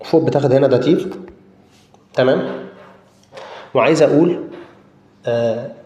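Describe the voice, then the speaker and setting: An Egyptian-accented man giving a grammar lesson in a middle-pitched voice, recorded with a roomy echo. He works through each point slowly, repeats words as he searches for the next one, and keeps asking his listeners whether they follow. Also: mellow, lo-fi sound. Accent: Egyptian Arabic. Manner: explains step by step, checks in with listeners often; drawn-out hesitations and repeated words while thinking. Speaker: German language teacher. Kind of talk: explanatory lesson.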